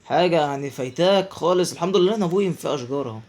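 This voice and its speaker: Fast-talking Egyptian gamer man. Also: fairly high pitch, a little mellow. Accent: Egyptian Arabic. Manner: chatty, talking to himself and viewers as he plays. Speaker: gaming YouTuber. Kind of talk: let's play commentary.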